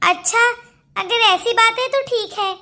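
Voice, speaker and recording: A woman's voice: very high-pitched, unhurried, bright, forceful tone, full character voice. A woman voicing a sad young mother who answers sternly and wearily in a cartoon story. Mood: curious. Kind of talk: cartoon voice acting.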